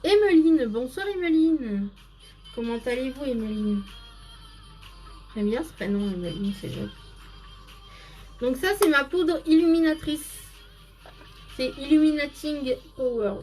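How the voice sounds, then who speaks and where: A woman's voice: high voice, a little slow, pauses often, a little mellow, soft background music. A woman hosting a casual live makeup stream, chatting to viewers by name and explaining each step as she goes.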